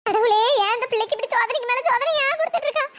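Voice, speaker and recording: A voice actor playing a caring, worried old grandmother in a cartoon story, with a pitch-raised processed voice. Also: racing, sharp tone. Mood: soothing. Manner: soothing, worried, coaxing.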